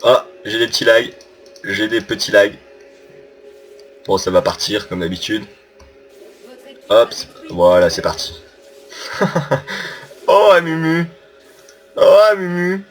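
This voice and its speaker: Taunting excitable male gamer. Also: on the low side, takes it slowly, long pauses, faint music behind. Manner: taunting, excitable, trash-talks opponents. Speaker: gameplay commentator. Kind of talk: casual gameplay commentary.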